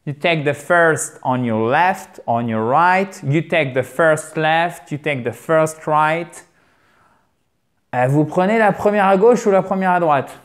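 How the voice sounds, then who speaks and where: Upbeat man teaching an online class. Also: on the high side. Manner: encouraging, repeats words slowly for drill; frequent "ok?" check-ins. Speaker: English teacher. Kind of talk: online lesson.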